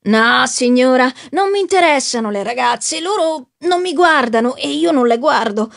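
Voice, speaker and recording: A woman's voice: high voice, animated, normal speed, vocal fry. A woman reading as a bitter, sulky young man. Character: brooding young male would-be actor, resentful. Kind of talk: audiobook reading.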